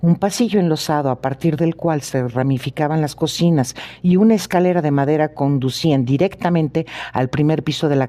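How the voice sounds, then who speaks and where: A male narrator reads a classic detective tale in a steady, unhurried way. His voice is warm and mellow, sitting slightly above the usual male pitch, made for long listening. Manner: steady, clear storytelling. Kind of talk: audiobook reading.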